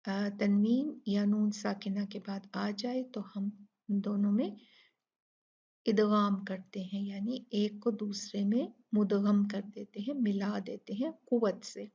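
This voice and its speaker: Woman, Urdu-speaking accent, recitation teacher, very slow, drawn-out recitation, dull lo-fi audio. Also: medium pitch, fairly even intonation, vocal fry, dark tone, slightly rough. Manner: slow, patient explaining, drawn-out recitation of words. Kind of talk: tajweed lesson.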